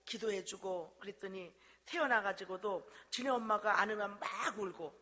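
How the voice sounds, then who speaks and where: A woman's voice: medium pitch, normal speed, bright, forceful tone. Older woman pastor preaching in a church. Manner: emphatic preaching, calls out hallelujah and prompts the congregation. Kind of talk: sermon. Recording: reverberant church hall.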